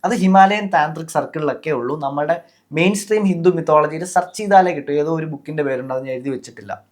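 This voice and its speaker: A man's voice: fairly high pitch, fast. A man with a Malayali accent hosting a podcast, explaining things casually with many fillers and English words mixed in. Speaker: podcast host.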